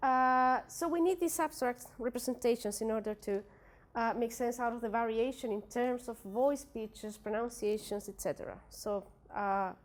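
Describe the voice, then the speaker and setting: Presenting her research at an academic workshop, a young native Spanish speaker from a Spanish-speaking country talks in English at a normal speed with a Spanish accent. Her voice is a little high. She hesitates a lot, restarting sentences and filling gaps with "uh" and "like."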